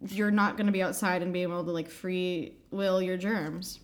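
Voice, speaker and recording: A woman's voice: fairly low pitch, fairly even intonation, normal speed. A woman co-hosting a podcast in casual chat, telling rambling, profane stories. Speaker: podcast co-host.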